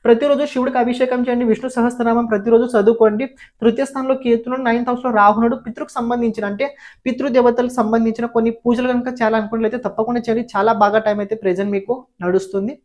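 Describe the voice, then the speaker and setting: A woman's voice: on the high side, darkish tone. A woman astrologer giving a horoscope forecast, explaining planetary positions and giving viewers direct advice, often repeating key phrases for emphasis.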